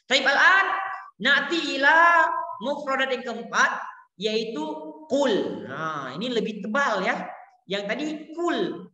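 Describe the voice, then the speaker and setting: In a classroom, a woman teaches children Arabic pronunciation, patiently drilling words and praising each pupil with short Arabic phrases. Her voice is high-pitched, sing-song, slow, bright, and forceful, and the echoey room has long reverb.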